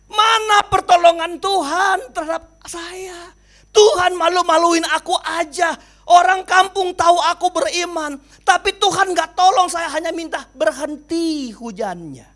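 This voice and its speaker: Stubborn devout old villager, shouting and drawn-out, as a preacher voices him in a sermon story. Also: male voice, very high voice, voice pushed up. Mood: complaining. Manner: shouting insistently, slow and emphatic.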